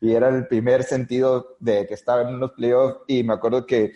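Mexican man, podcast guest, earnest halting storyteller; medium voice, dull low-fi recording. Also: flat delivery, mellow, roomy sound. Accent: Mexican Spanish. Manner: hesitant, many fillers and restarts, earnest. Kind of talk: storytelling in a conversation. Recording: dull lo-fi audio.

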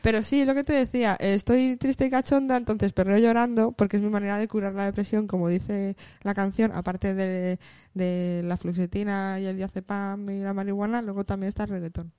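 A woman co-hosting a casual comedic podcast chat, with dark, deadpan sarcasm. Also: medium pitch, a little fast, smooth, dry recording, studio quality. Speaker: podcast co-host.

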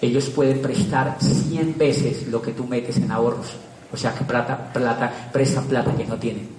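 A middle-aged man, a public speaker, gives a lively talk to a live audience, stressing points with rhetorical questions and repeated words. His voice is medium in pitch, a little mellow, with fairly even intonation and a measured pace. The recording is distant and echoey, with a little hiss or hum.

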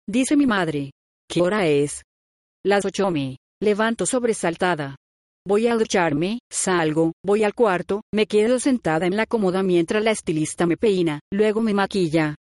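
A woman's voice: mid-range voice, darkish tone, dry recording, studio quality. Woman narrating a first-person audiobook. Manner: reads all characters' lines in her own voice.

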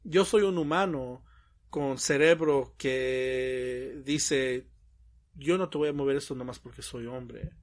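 A man's voice: medium pitch, takes it slowly. A young man chatting casually, telling stories animatedly and acting out quoted dialogue with frequent laughs. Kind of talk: casual chat.

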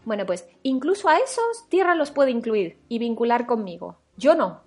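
Give me a woman from France as a spiritual teacher, talking in a lively reflective way and asking the listener if they follow. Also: on the high side, moderate pace, slightly rough. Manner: animated, acts out inner voices, checks in with the listener. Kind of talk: reflective recorded talk.

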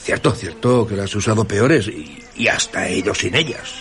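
A man playing a rattled gravelly tramp. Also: on the low side, animated, moderate pace, a bit bright, slight background noise. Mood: grumbling. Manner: stammering, alarmed, easily rattled. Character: bewildered scruffy male tramp, superstitious and blustering. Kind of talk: radio drama acting. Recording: faint outdoor ambience with birds and insects.

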